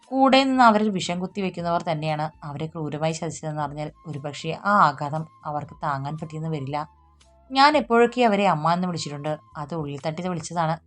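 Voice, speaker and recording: Woman reading as a calm, gentle young man. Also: low voice, a little fast, faint music behind, close to an everyday voice. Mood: earnest calm. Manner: calm, earnest, soothing.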